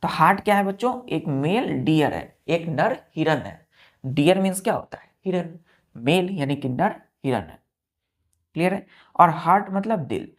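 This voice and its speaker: A man teaching an English vocabulary lesson to exam students, spelling each word out letter by letter and often checking that it is clear. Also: fairly high pitch, very animated, measured pace. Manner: spells words letter by letter and keeps asking if it is clear.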